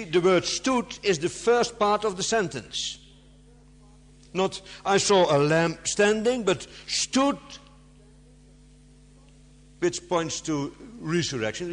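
Slow, emphatic preacher in a reverberant hall. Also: male voice, high-pitched, lively intonation. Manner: emphatic, stresses key words with sharp rises; halting, searches for words with fillers. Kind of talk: sermon. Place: large hall before an audience.

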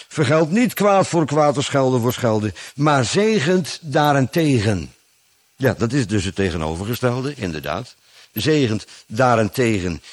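A man's voice: mid-range voice, no echo. A man preaching a Bible exposition sermon, explaining verses in a didactic way with rhetorical questions and emphatic stresses.

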